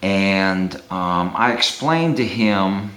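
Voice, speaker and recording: A man casually telling a family story to the camera while showing a room under renovation, rambling and chuckling, and getting animated when he quotes people. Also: deep voice, extremely slow, echoey room. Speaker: homeowner documenting a room.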